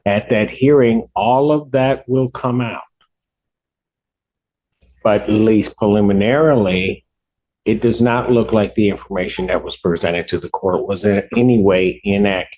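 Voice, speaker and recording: A man speaking as a judge, giving rulings from the bench in a formal, deliberate way. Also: fairly low pitch, lo-fi sound.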